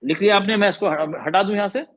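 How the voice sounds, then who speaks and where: A man's voice: high voice, quick pace, highs cut off. A man teaching Quran recitation over a video call, explaining patiently, repeating terms and demonstrating the sounds. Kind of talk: online class lesson.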